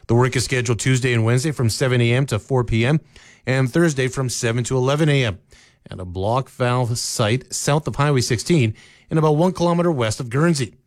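A man reading a local radio newscast as the anchor, in a steady, measured delivery. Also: medium pitch, dry recording, clean studio sound. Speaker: news anchor. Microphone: close studio mic, dry.

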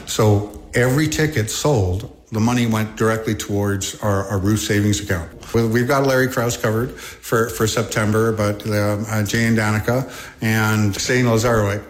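A man who directs a community venue, speaking casually and haltingly, with fillers and restarts, in an interview clip. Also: lowish voice, fairly even intonation. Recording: echoey room.

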